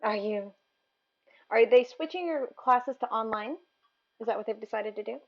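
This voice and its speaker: A woman's voice: a little high, moderate pace, vocal fry, lo-fi sound. A woman hosting a cooking livestream, chatting casually with viewers and answering their messages with giggles.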